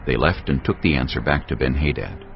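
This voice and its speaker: A man with a brisk, creaky bass voice narrates a dramatised Bible story as a scripted reading. The lo-fi audio sounds dull, with music playing in the background.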